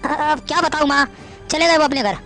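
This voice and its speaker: A woman's voice: sits high, fairly even intonation, a little fast, gravelly, a bit bright, faint music behind. A woman playing a young man from a poor family in a family drama, pleading with his in-laws. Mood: angry. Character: young man, poor brother, touchy but meek. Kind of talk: Hindi family drama acting.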